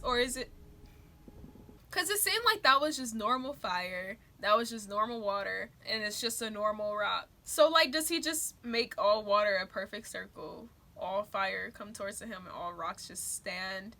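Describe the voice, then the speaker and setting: A woman's voice: medium pitch, moderate pace, pushed and bright. A young woman hosting a reaction video, critiquing a film with exasperated, laughing commentary.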